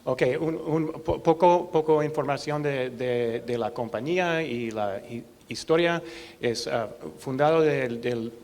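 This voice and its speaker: A man from the United States with an American accent, a native English speaker, giving a presentation haltingly and hesitantly, searching for words in his second language. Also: mid-range voice, a little mellow. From United States, Seattle. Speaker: researcher presenting a clinical trial. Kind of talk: presentation talk. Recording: hollow reverberant hall, faint noise.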